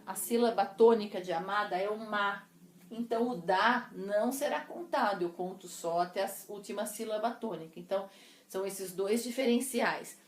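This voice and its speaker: A woman teacher explaining poetic meter to her class, counting syllables slowly and deliberately. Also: medium pitch. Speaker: literature teacher. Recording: echoey room.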